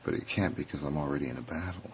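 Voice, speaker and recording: Low-voiced man rambling aloud. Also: gravelly, a little hiss or hum. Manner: musing aloud, halting with fillers. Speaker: video host. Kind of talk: casual rambling commentary.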